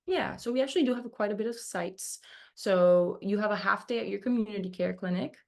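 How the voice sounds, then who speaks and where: In a gravelly, medium-pitched voice at a slightly fast pace, a woman in her twenties from Argentina, who works as a dermatology resident, talks casually in an interview with many fillers.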